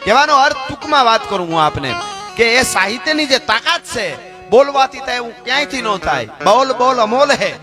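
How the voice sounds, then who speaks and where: A man's voice: very high voice, big pitch swings, normal speed. A man telling a folk tale on stage, rhythmic and declamatory, chanting verses into a stage microphone. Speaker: folk storyteller. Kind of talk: folk storytelling performance on stage. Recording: live stage with music behind.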